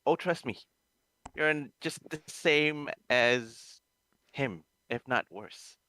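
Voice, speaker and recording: A man's voice: mid-range voice, animated, takes it slowly, bright, forceful tone, no echo. A man co-hosting a casual chat show, agreeing and chiming in.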